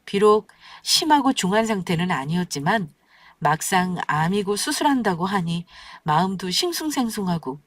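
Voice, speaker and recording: A young woman narrating a true-story radio piece in a calm, confiding storytelling manner. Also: lowish voice, no echo, distant mic.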